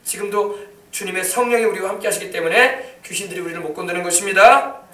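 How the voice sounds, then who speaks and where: Fast-talking high-voiced male preacher. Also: echoey room, distant mic. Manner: emphatic preaching with shouted commands. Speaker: pastor. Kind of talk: sermon. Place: church.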